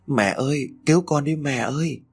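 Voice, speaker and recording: A man's voice: mid-range voice, normal speed, slightly rough, pitched above the performer's own voice. A man voicing the ghost of a young woman, pleading and wailing for help in an audio story.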